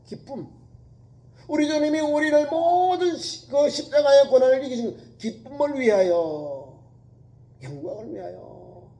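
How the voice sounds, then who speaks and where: A man's voice: high-pitched, mellow, rough recording. A male pastor preaching a sermon with emphasis, repeating phrases and acting out quoted lines.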